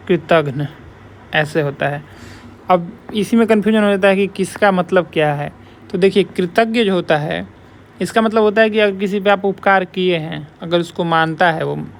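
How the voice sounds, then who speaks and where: A man's voice: sits high, vocal fry, slight background noise. A man teaching as a Hindi exam tutor, walking through test questions step by step and repeating the points to remember. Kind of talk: exam question walkthrough lesson.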